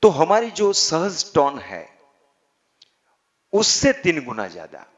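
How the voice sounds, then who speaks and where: A man teaching how to chant, speaking deliberately and drawing out chanted syllables. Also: fairly high pitch, huge pitch swings. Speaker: yoga teacher. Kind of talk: spiritual instruction on chanting. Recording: slightly dull, lo-fi recording.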